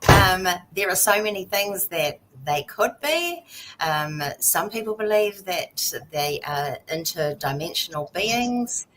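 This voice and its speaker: A woman's voice: mid-range voice, big pitch swings, takes it slowly, background noise. A woman taking part in a casual podcast discussion, explaining things informally.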